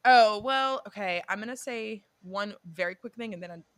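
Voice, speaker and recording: On a podcast she co-hosts, this young woman talks loosely about a reality show and astrology, cursing freely, losing her thread and self-correcting. She speaks at mid pitch and normal speed with a slightly bright tone and no room sound.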